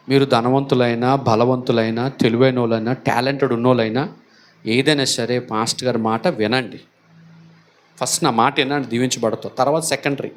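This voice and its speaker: A man preaching as pastor in a church, emphatic and repetitive, firing rhetorical questions. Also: mid-range voice. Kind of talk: sermon.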